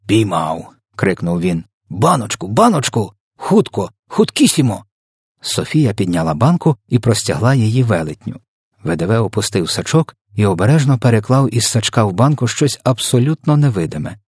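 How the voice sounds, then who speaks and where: A man narrating a children's storybook in an even, measured reading. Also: lowish voice, slightly rough, no echo, clean studio sound. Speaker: audiobook narrator.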